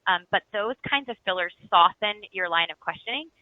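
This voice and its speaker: A woman's voice: mid-range voice, animated, fairly quick, dry recording. Coaching woman on a thin phone-like line. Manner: chatty, coaching, often tags with "right?"; acts out homeowner replies in livelier voice. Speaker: real estate trainer. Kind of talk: recorded training lesson. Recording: dry, phone-like narrow sound.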